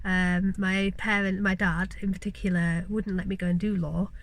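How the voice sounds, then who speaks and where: A woman's voice: mid-range voice, flat delivery, moderate pace, low-quality recording. A mature woman with a Yorkshire accent from West Yorkshire, chatting earnestly to camera about her studies, with plenty of ums and tangents. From West Yorkshire, England. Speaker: vlogger, mature law student. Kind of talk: casual talking-to-camera vlog.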